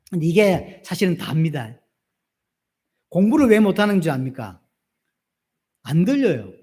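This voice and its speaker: A middle-aged male pastor with a Gyeongsang Korean accent preaches a sermon in a high, strongly swinging voice. He throws questions out to the congregation and answers them himself with animated emphasis.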